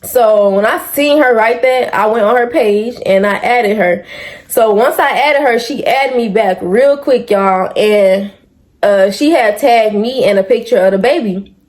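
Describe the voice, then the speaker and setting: A woman's voice: a little high, a little slow, darkish tone. A woman who is a mother tells a personal story straight to her viewers, talking animatedly, swearing freely and calling them y'all. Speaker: vlogger telling a personal story. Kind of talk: casual storytime.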